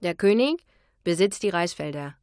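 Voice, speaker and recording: A woman voicing a slight, kind-hearted male Vietnamese cook who speaks in broken grammar, loud and punchy. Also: lowish voice, animated, moderate pace, no echo, clean studio sound. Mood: rallying.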